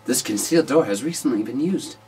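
Excitable man commentating a game. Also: medium pitch, fairly quick, slightly rough. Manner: excitable, jokey, shouts at the game. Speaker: let's play host. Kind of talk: casual gameplay commentary.

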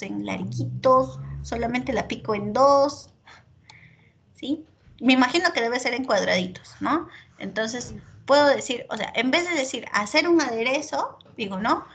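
A woman teacher, giving feedback in an online class and checking in constantly with her student between filler pauses. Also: a little high, a bit bright.

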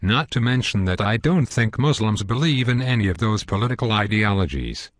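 A man's voice: lowish voice, expressive, fairly quick, dry recording, studio quality. A synthetic male voice playing a hesitant, reasonable guest in a scripted satirical cartoon interview, speaking earnestly and stiffly. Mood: earnest, defensive.

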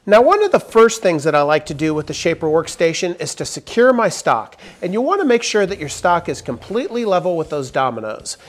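Brisk and with few pauses, this man in his forties has a voice on the high side with big pitch swings. He's an upbeat woodworking host walking through a tutorial step by step, wearing a lapel mic in a big wood-walled workshop. There's a little hiss or hum, and he hits his sentence openings hard.

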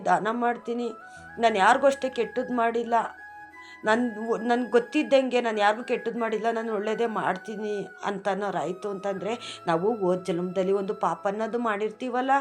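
A woman hosting a devotional talk, speaking earnestly and emotionally to her followers in a pleading tone. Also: medium pitch. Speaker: devotional video host.

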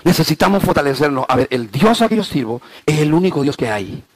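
A male pastor preaching a sermon in a fairly high voice. He swings from loud, high emphasis down to hushed, low passages, and he keeps asking the congregation rhetorical questions. The sound is close and dry, with little room echo. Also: sing-song, slightly rough. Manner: slows down to stress key phrases.

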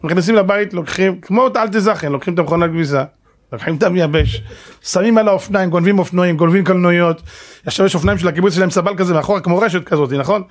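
High-voiced rabbi telling a dramatic story. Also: male voice. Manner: dramatic storyteller, addresses the audience with rhetorical questions. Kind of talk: sermon-style Torah lecture. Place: lecture before a live audience.

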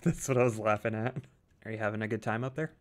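A man hosting a gaming channel, bantering loosely with a friend as they play together. He keeps things laid-back and jokey, often breaking into a chuckle. His voice sits on the low side. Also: fairly even intonation, fast talker. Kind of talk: casual chat while playing a modded game.

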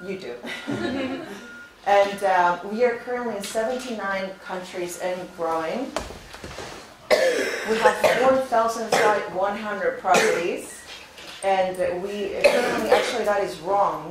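Unhurried and mid-range, her voice belongs to an upbeat recruiter in her 30s, born in Venezuela and raised in Spain, giving students an informal, chatty class presentation and asking them frequent questions. She's recorded from afar by a camera with no visible mic, in a very echoey, roomy classroom with faint noise.

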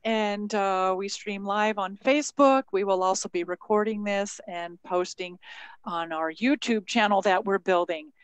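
A woman's voice: medium pitch, a little slow, clear, resonant tone, no echo, poor audio. Chatty woman hosting a live stream. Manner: chatty, with frequent ums and restarts. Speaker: host. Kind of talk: live-streamed interview introduction.

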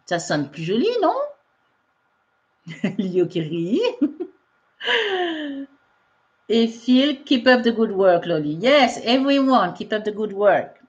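A woman leads a live online English lesson, reading viewer comments aloud and laughing easily. She speaks very slowly, her voice sits a little high, and the audio sounds dull and lo-fi. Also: very animated. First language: French. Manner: laughs often, reads viewer comments aloud, slow careful explanations. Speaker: English teacher.

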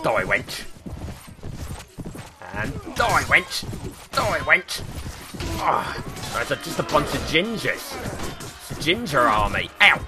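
A young man streaming a battle game live, animated and jokey, barking orders at his troops and swearing cheerfully. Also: medium pitch. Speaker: gaming streamer. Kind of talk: live gameplay commentary.

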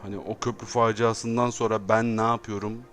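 A Turkish man commentates a city-building game in excitable fashion, speaking a little fast in a lowish, fairly bright voice with little pitch movement. He's prone to dramatic, exasperated outbursts and repeated phrases.

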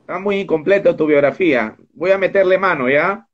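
A man's voice: high voice, a little fast. Chatty man hosting over a dull line. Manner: chatty, jumps between topics with asides. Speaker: interviewer and host. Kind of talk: casual online interview. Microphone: video call.

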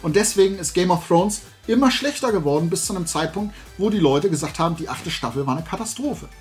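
This YouTube host of a toy collecting channel speaks quickly in a high-sitting voice over soft background music. Chatting to camera from a small room lined with toy shelves, he's casual, opinionated, colloquial, and emphatic in an animated, rambling way.

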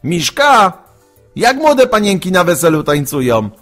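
A fairground bear-tamer calls out loudly and high, like a barker working a crowd. A man with a husky voice puts him on. Each call swings up with showy energy. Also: big pitch swings, a little slow, faint music behind, full character voice. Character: loud male bear-tamer showman calling out.

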